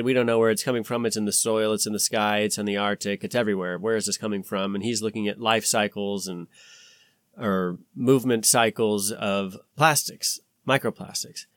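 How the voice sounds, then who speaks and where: A man's voice: on the low side, fairly even intonation, brisk, no echo, studio quality. A man talking casually as a podcast host, rambling and swearing, with an insistent, conspiratorial warning tone as he acts out imagined exchanges.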